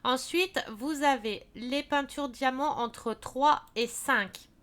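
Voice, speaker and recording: A woman's voice: sits high, slow, a bit bright. A woman casually walking viewers through a craft shop's products, chatty with many fillers and restarts. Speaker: craft video creator.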